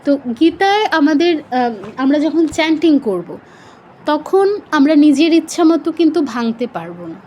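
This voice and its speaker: A woman's voice: high voice, animated, moderate pace, mellow, dull audio, slight background noise. A woman teaching Sanskrit pronunciation in a live online class, patiently explaining and drawing out example syllables.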